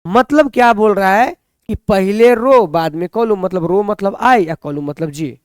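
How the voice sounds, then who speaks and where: A man's voice: sits high, measured pace, smooth, dry recording, clean studio sound. A man teaching a maths lesson, who keeps asking the students questions and answering them himself.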